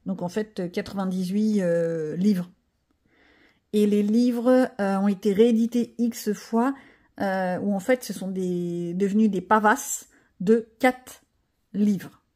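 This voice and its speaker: A woman's voice: medium pitch, fairly even intonation, takes it slowly, mellow. A middle-aged woman, chatting casually and rambling with self-mocking asides in a home vlog. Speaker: vlogger. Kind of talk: casual chat while coloring.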